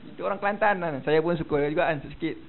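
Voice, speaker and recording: A Malaysian man teaching Quran recitation in a slightly high voice. He models the Arabic words and then has the class repeat them back to him. The recording is tinny and phone-like, with a faint hiss underneath. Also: fast talker, creaky. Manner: demonstrates Arabic pronunciation, prompts students to repeat. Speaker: religious teacher. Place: prayer hall.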